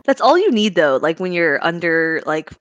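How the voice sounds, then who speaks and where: A woman's voice: on the low side, big pitch swings, moderate pace, no room sound, muffled recording. A young woman from the States co-hosting a podcast, chatting casually with giggles and lots of fillers. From United States. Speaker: podcast co-host. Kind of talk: casual chat.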